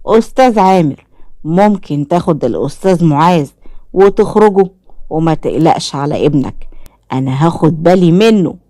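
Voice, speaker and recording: A woman with an Egyptian accent voicing a sly, scheming man posing as a sheikh, talking slowly and coaxingly. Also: deep voice, expressive, warm tone, no echo, clean studio sound. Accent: Egyptian Arabic.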